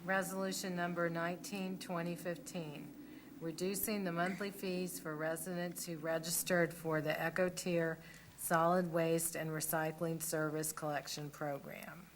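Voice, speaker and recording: A woman's voice: on the low side, little pitch movement, a little slow. A woman reading formally as a city clerk in a businesslike, procedural way at a public meeting. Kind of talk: formal reading and roll call. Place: council meeting room. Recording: noisy public meeting room.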